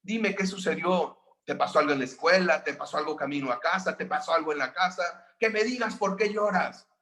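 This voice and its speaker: A man's voice: on the high side, brisk, sharp tone, roomy sound, slight background noise, voice pushed up. A man voicing an insistent mother who scolds her son in a demanding tone. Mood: scolding.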